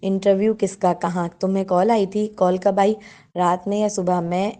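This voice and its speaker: A woman's voice: medium pitch, little pitch movement, dark tone, natural voice. Woman reading a teasing young man.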